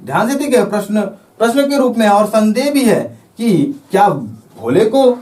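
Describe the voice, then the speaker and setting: A male teacher with a high voice whose pitch leaps about as he walks through a lesson, circling back over each point and slowing down for the quoted lines. He sounds a little distant from the microphone. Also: big pitch swings, a little mellow. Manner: repetitive, careful, with frequent filler phrases; reads quoted verse lines slowly. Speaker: Hindi grammar teacher. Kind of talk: explanatory lesson.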